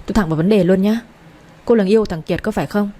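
A woman's voice: mid-range voice, quick pace, dark tone, lightly acted. A woman voicing a stern, domineering older mother who talks curtly and gives orders. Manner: curt, commanding, impatient.

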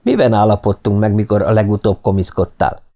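A man's voice: medium pitch, lively intonation, vocal fry, darkish tone, muffled recording, pitched above the performer's own voice. A man voicing a scheming middle-aged kidnapper who taunts his captives. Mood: mocking. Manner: sneering, taunting.

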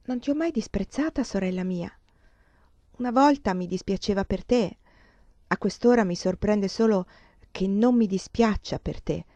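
A woman's voice: mid-range voice, normal speed, dark tone, dry recording, close to an everyday voice. A woman voicing a proud, despairing woman who speaks with anguish and pleading, in a dull lo-fi recording.

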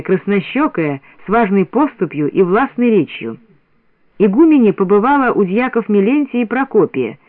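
A man narrating a story as a scripted radio reading in a steady storytelling manner. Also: high voice, dry recording. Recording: dry, narrow radio sound.

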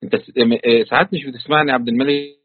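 A man's voice: mid-range voice, fairly even intonation, very fast, breathy edge, no room sound. A man with an Egyptian accent who teaches a religious text online. He explains it in everyday colloquial speech, with examples from daily life. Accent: Egyptian Arabic. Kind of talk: online tafsir lesson. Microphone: computer call mic. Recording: tinny online call audio.

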